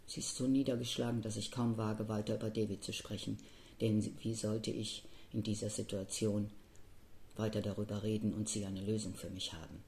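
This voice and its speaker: A man narrating a first-person story in a measured, somber reading voice. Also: on the low side, little pitch movement, a little mellow. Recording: echoey room with faint noise.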